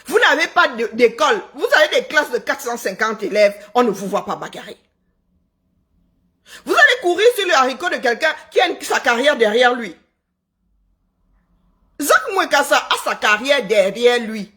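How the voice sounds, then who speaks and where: A woman's voice: on the high side, big pitch swings, moderate pace, pauses often, sharp tone. A woman from Cameroon giving a sarcastic, scolding live-stream monologue to her viewers. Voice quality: self-described unpleasant voice. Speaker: social media commentator.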